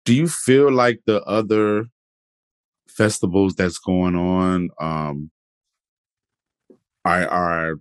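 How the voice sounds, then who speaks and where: This podcast host speaks slowly in a low voice with fairly even intonation and long pauses, his tone clean and free of echo. He asks questions in a loose, conversational interview chat, regularly dropping in "you know what I'm saying."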